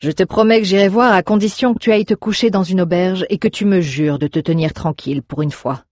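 A woman voicing a male town guard captain who speaks calmly and firmly, stern but kind. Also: on the low side, a little fast, no room sound, clean studio sound, natural voice. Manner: calm, firm.

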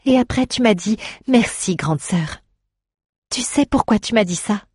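A woman acting out a stubborn, warm-hearted traveling actress in an audio drama. She talks in a tender, coaxing way, with a slightly husky voice at a middle pitch. The recording is dry and close. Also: lively intonation, unhurried, no echo.

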